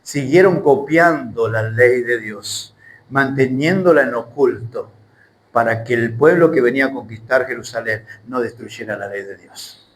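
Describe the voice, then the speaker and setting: A man's voice: medium pitch, unhurried, poor audio. A man teaching the Bible in a sermon, emphatic and full of rhetorical questions.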